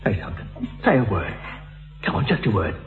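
A man's voice: lowish voice, sing-song, fairly quick, soft background music. An actor playing an unhinged young male killer who taunts his captive, mocking and swinging between menace and giggles. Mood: taunting. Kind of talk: radio-drama acting. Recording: tinny old radio recording in echoey hall.

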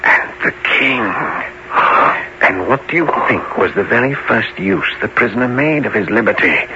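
An actor playing a scheming, smooth-talking bishop in a radio costume drama, coaxing and conspiratorial. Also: male voice, mid-range voice, expressive, a little fast. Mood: coolly conspiratorial. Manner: conspiratorial, coaxing, hesitant "uh" interjections. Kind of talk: audio costume drama acting. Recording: muffled, noisy old radio-style recording.

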